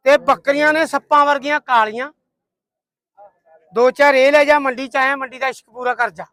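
A man's voice: very high voice, fairly even intonation, moderate pace, fairly bright tone, dry recording. A Punjabi man hosting livestock market videos, bargaining in a hearty, outspoken, bantering way.

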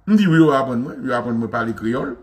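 A Haitian man hosting a show, ranting in an animated, mocking way, with lots of repetition and frequent laughter. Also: mid-range voice, racing. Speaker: show host. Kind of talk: impassioned commentary rant.

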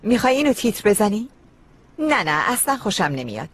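A woman's voice: mid-range voice, very animated, breathy edge. An actress dubbing a scheming, defiant wife who talks back to her husband. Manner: defiant, pointed. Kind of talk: Persian dub of a TV drama.

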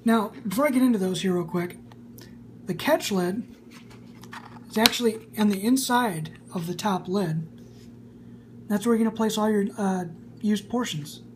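This snus review comes from a man in his twenties whose voice sits high; he talks at a normal speed but pauses often, keeping the tone casual and enthusiastic. A camera records him in a small indoor room over a faint background hum.

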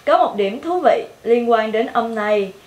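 A young woman with a Vietnamese accent teaches pronunciation in a slow, deliberate way. Her voice sits a little high and she repeats every drill word several times. The sound carries an echoey room around it. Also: animated, a little mellow.

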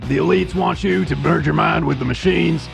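A man voicing a ranting male conspiracy radio host with a gravelly voice, pitching products to his listeners. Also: normal speed, over music. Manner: bellowing sales pitch, repeats "folks".

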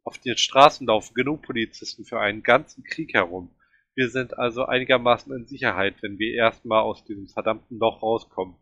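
Ein Mann liest einen Roman dramatisch und angespannt vor. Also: male voice, medium pitch, brisk, bright, forceful tone, no echo, highs cut off. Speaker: reader. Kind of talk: reading a novel aloud.

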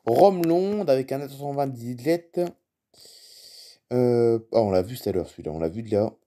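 An animated man with a warm, mid-range voice talks at normal speed while casually narrating a live flight-tracking map on screen. Between reading out cities and plane types and chatting to viewers, he sounds puzzled by place names he hasn't heard before.

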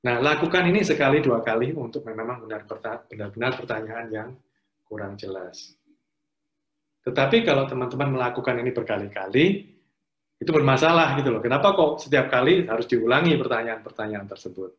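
A man's voice: mid-range voice, fairly quick. A man giving a conversational career-skills lecture over a video call, acting out interview exchanges as he teaches. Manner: conversational, acts out interview dialogues. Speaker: career trainer. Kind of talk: online training lecture. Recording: roomy, dull lo-fi audio.

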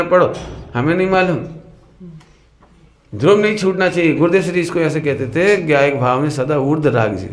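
A man giving a sermon in a lively, questioning way, who sometimes sings verse lines. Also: sits high. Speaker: religious teacher. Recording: echoey hall with some noise.

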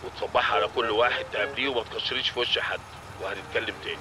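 A man's voice: lowish voice, steady tone, racing, noisy background, natural voice. A man playing the stern spirit of an elderly grandfather, speaking Egyptian Arabic and giving commands. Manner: commanding, gives instructions.

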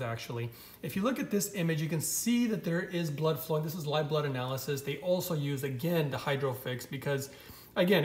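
A man's voice: fairly high pitch, reverberant. A man talking off camera as a vlogger, enthusiastically walking viewers through images on a screen and calling them "guys.".

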